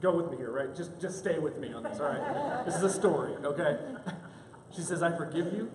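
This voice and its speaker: High-voiced pastor in an echoey church. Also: male voice, moderate pace, slight background noise. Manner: animated, acts out characters in quoted asides. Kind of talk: sermon storytelling. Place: church sanctuary.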